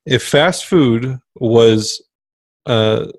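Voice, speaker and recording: A man co-hosting a podcast in a casual, emphatic way. He keeps circling back to his point like a motivational speaker. His voice sits at an ordinary middle pitch and is recorded close and dry on a studio mic. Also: drawn-out words, no echo. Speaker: podcast co-host.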